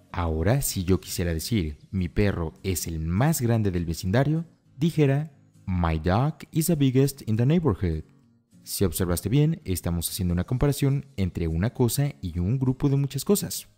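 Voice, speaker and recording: A man teaching a grammar lesson in a scripted way, stressing his linking phrases and slowing down for each example. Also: lowish voice, warm tone. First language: Spanish. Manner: emphatic rising stresses on connecting phrases, slows down for examples. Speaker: English teacher.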